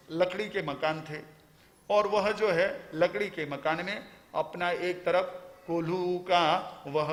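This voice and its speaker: Brief: male Jain monk preaching, high voice, hesitant storytelling, long hall reverb. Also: a bit bright. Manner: slow storytelling with frequent "आ" pauses. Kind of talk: storytelling sermon.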